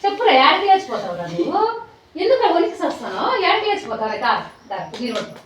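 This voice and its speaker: A woman playing a stern, mocking village schoolteacher, her high voice swooping up and down as she rattles off scolding after scolding. She sounds set back from the mic in a very echoey room, in a comic skit. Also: very animated, fast talker, distant mic, a little hiss or hum. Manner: scolding, teasing, repeating commands. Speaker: teacher.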